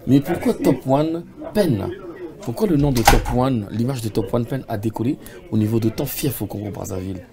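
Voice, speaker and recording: A man's voice: medium pitch, lively intonation, normal speed, heavy background noise. A man hosting an interview, asking familiar, probing questions. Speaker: interviewer host. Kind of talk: casual interview.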